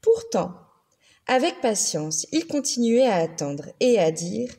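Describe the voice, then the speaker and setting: A woman reads a children's picture book aloud at an unhurried pace. Her voice is high and sweeps widely up and down, stretching out words for effect. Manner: slow, very expressive storytelling. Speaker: children's story reader.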